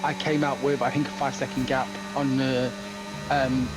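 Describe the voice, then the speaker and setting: A man's voice: medium pitch, level tone, moderate pace, over music. A man giving conversational motorsport commentary on a sim race as the analyst, reasoning through tactics.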